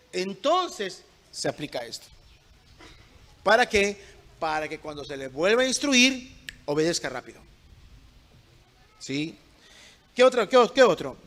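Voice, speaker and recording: A man's voice: high voice, a bit bright. A man preaching a sermon to a congregation, emphatic, often asking questions and waiting for the answer.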